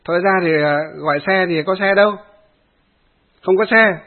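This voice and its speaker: A male Buddhist monk telling an anecdote in a sermon, animated and speaking directly to his audience. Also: sits high, normal speed. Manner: animated storyteller who laughs along and addresses the audience. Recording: tinny phone-like audio.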